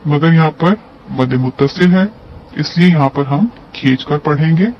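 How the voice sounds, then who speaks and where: A man's voice: fairly high pitch, moderate pace. A man teaching a lesson on Quran recitation, explaining step by step and drawing out syllables to demonstrate. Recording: dull lo-fi audio with faint hiss.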